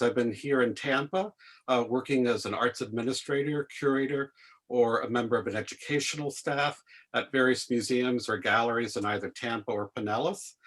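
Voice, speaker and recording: An architect and arts administrator giving a formal, measured introduction on a video call. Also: male voice, mid-range voice, fairly bright tone.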